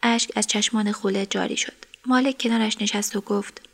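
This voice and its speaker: A woman narrating a story in an even, measured voice. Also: mid-range voice, gravelly.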